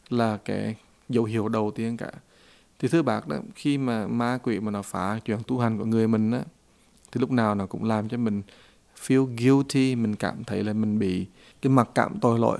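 Gravelly male Buddhist teacher telling a story. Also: medium pitch, a little mellow. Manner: folksy, addresses listeners directly. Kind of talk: storytelling dharma talk.

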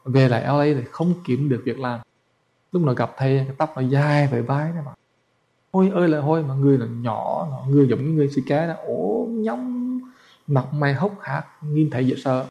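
A man's voice: mid-range voice, a little fast, creaky, dark tone, muffled recording. A man, a Buddhist monk telling a story as a sermon in a colloquial, chatty way. He stumbles over repeated words and speaks straight to his listeners.

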